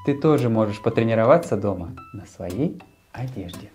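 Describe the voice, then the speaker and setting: A man in his thirties presenting to a young child as a children's show host, speaking in a friendly, simple and deliberate way into a lapel mic. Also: lowish voice, expressive, dark tone, soft background music. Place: small furnished room, later a martial arts hall.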